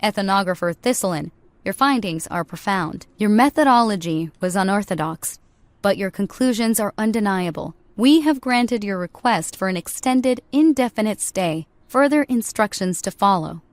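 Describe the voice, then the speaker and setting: Formal official message voice, woman reading, measured, dry sound. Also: mid-range voice, animated, no echo, lightly acted.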